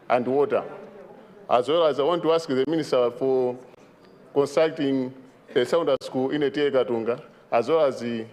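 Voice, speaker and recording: A man's voice: medium pitch, darkish tone. A man with a Malawian accent formally putting questions in parliament as a member. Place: parliament chamber. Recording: clear crowd murmur behind.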